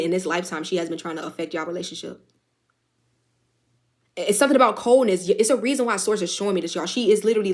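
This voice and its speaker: A young adult woman giving a casual spiritual tarot reading, chatty and slangy, swearing freely and speaking straight to her viewers. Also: medium pitch. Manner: chatty, slangy and profane, addresses viewers directly. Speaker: tarot reader.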